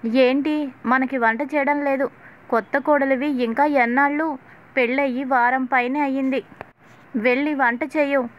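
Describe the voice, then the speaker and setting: Brief: shrill scolding mother-in-law, sharp and nagging, read by a woman. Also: steady tone, unhurried, lo-fi sound. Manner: nagging, rising to agitated scolding.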